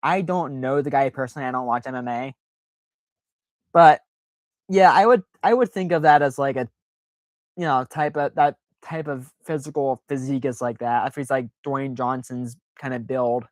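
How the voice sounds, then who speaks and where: A man's voice: medium pitch, moderate pace, dry recording. A man hosting a casual live stream, talking in a rambling, self-deprecating way with lots of fillers.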